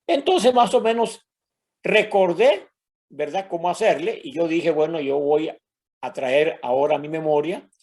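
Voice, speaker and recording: A man's voice: on the high side, expressive, unhurried, darkish tone. An older man from Mexico with a Mexican Spanish accent, a pastor telling a personal story in a sermon and addressing the congregation as brothers.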